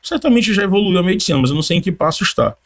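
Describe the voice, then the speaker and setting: A man on a podcast giving his personal faith testimony in casual conversation, a lively storyteller who acts out what others said, with informal slang. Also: high-pitched, rapid-fire. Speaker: podcast guest.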